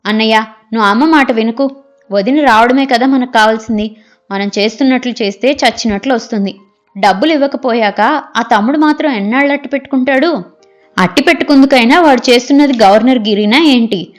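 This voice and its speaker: Woman doing sly greedy younger brother, scheming, talks fast and pushy. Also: a little high, faint music behind, close to an everyday voice. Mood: insistent. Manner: persuasive, scheming. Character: crafty, grasping younger brother.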